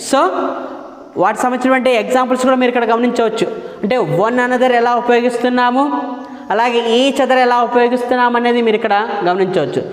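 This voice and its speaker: Speaking at an extremely high pitch with fairly even intonation, a man teaches grammar by asking his audience questions and then supplying the answers, returning to key terms again and again. For English definitions he slows to a dictation pace. He is in a room with a board, and the sound carries a long, echoing reverb.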